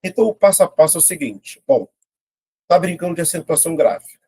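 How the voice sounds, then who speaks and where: Man, teacher, casual online lesson, husky voice, chatty and colloquial, explains step by step. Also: a little high, fast, dark tone. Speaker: Portuguese teacher.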